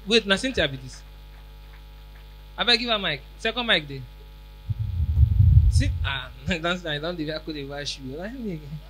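Holding a mic on stage in a large tented hall, a young man with a Nigerian accent teases a guest through playful pidgin banter, with loud outbursts along the way. His slightly high voice has lively intonation at normal speed, with long pauses and slight background noise.

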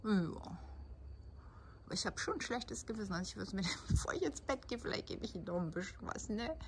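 A chatty older woman vlogging casually, often dropping to a soft whisper as she talks to cats and dogs, filmed on a handheld phone. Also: medium pitch, animated, brisk, a little hiss or hum. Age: 60s. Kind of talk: casual vlog chat. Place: outdoors, then at home at night.

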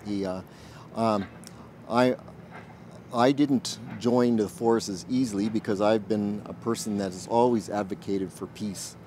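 Brief: male chaplain in his forties, thoughtful and searching for words, low and warm, outdoor interview. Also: fairly even intonation, slight background noise. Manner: earnest, thoughtful, pauses often to find words. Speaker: military chaplain and minister. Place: outdoors in a garden.

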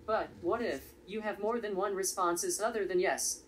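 A woman presenting a step-by-step coding tutorial in a steady, explanatory way. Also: medium pitch, moderate pace. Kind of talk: step-by-step software tutorial narration. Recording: slightly distant voice with faint background noise.

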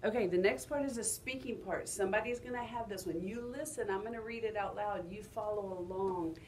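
A woman's voice: medium pitch, fairly quick, a little mellow, distant mic, a little hiss or hum. A woman teaching first graders, reading the program lines aloud in a sing-song voice that goes up and down. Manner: reads aloud with a rising and falling sing-song. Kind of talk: rehearsing a class program. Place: school classroom. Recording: roomy classroom taped from afar.

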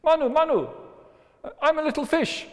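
A man voicing a tiny talking fish that pleads for help in a small, squeaky voice. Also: normal speed. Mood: pleading. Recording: long hall reverb.

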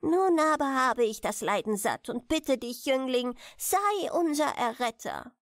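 Lady doing a tiny old dwarf king from a german fairy tale, high voice, very up and down, solemn and pleading. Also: expressive, unhurried, dry recording, clean studio sound. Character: small grey dethroned dwarf king, aged, pleading, solemn.

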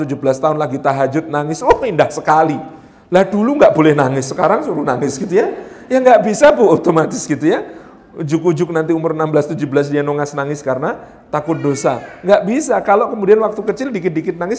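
Lively high-voiced preacher man. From Indonesia. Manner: animated, acts out mother and child voices, addresses mothers directly. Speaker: preacher at a parenting seminar. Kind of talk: lively seminar talk. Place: hotel function hall.

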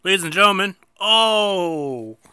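A man's voice: high voice, lively intonation, takes it slowly, pushed and bright, clear, resonant tone, no echo, studio quality. A man with a stuffy nose chatting casually through a mobile bowling game, mocking himself and bursting out at his misses. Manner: chatty, self-mocking, sudden outbursts at misses. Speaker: gameplay video host.

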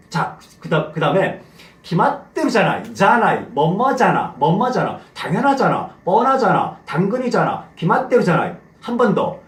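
A middle-aged man teaches a lesson with playful energy, drilling phrases again and again. His voice sits high and swings widely in pitch. The sound carries a roomy echo. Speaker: Japanese language teacher. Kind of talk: animated classroom lecture with repetition drills.

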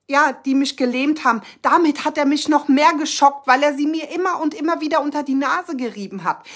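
A woman with a high, light voice talks straight to her viewers in a casual live chat. She sounds earnest and heartfelt, and her speech is full of fillers and self-corrections. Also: a bit bright. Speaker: speaker sharing her own experience of abusive relationships.

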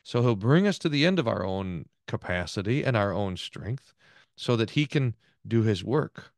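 A man's voice: on the low side, moderate pace, gravelly, dry recording. Man teaching a Bible class. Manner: lively, repeats words and restarts while thinking aloud. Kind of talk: Bible class teaching, reading aloud and explaining.

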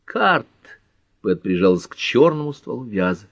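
A man reading an audiobook as narrator in a lively narrative manner. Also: low-pitched, brisk, slightly rough, no echo. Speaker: audiobook reader. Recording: dull lo-fi dry recording.

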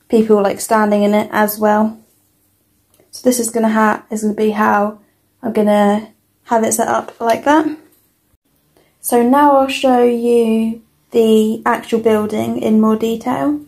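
A young British woman with a fairly high, mellow voice gives a casual, informal toy review, walking through it unhurriedly.

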